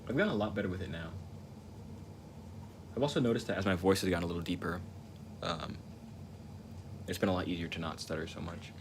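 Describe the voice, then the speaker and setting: While painting on a livestream, a young man with a very deep, low voice and a stutter talks fast and casually. He rambles and reflects, pausing often, repeating words and circling back to restart thoughts, over a steady hum of ambient noise.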